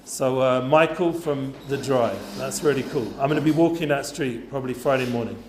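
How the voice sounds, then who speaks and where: In a roomy, echoey space, a North London man with a mid-range voice speaks at normal speed as a guest speaker, chatting casually to a youth group with lots of fillers and asides. A little hiss or hum can be heard.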